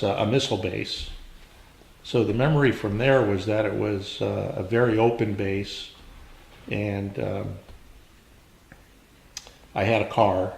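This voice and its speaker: Older American veteran remembering, low gravelly voice. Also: male voice, a little mellow. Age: older, around 70s. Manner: old veteran remembering, measured and halting with reflective pauses. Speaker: interviewee, military veteran recalling service. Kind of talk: unscripted oral history interview, reminiscing. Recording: roomy, echoing interview sound.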